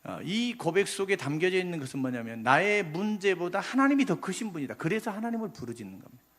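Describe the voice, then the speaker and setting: A man preaching a sermon as pastor, swinging from loud, urgent emphasis to soft, quiet asides. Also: high voice, big pitch swings, fast. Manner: impassioned preaching, rising loud then dropping soft. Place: church sanctuary. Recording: long hall reverb, slightly husky.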